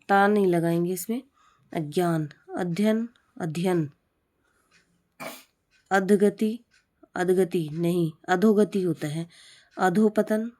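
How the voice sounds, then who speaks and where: A woman teaching Hindi spelling for an exam, slowly repeating the wrong and the right form of each word. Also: mid-range voice, a little mellow. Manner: slow, repetitive drilling of correct forms. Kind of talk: spelling lesson for exam prep.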